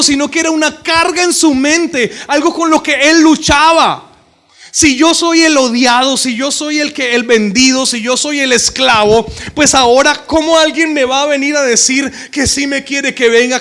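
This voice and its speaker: A man preaching a sermon, telling the story animatedly and joking with the congregation. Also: very high voice. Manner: animated storytelling, acting out characters, joking with the audience.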